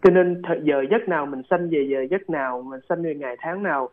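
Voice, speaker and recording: A man's voice: a little high, brisk. A man explaining things in a casual chat, hesitant and repeating words. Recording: phone-like radio line.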